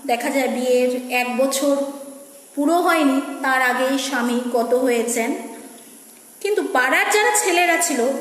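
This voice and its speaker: A woman reciting poetry dramatically on a live stream, and speaking softly and hesitantly between poems. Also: sits high. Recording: echoey room with long reverb.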